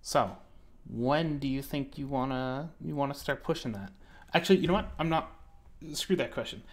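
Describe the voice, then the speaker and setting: A man's voice: mid-range voice, moderate pace. A man co-hosting a casual online art critique stream, joking and rambling as he corrects himself mid-sentence.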